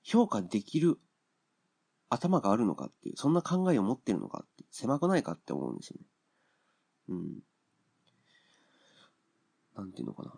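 A man talks alone into his podcast mic, airing blunt opinions in an unhurried, filler-laden way. His voice sits low and carries a gravelly fry. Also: wildly swooping pitch, darkish tone. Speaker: podcast host. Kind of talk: casual solo podcast monologue.

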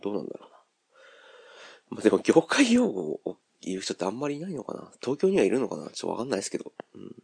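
A man's voice: fairly low pitch, wildly swooping pitch, rapid-fire, gravelly, a little mellow, husky, dry recording, clean studio sound. A man with a Kansai accent hosting a podcast, thinking aloud in a rambling, casual monologue full of fillers. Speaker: podcast host.

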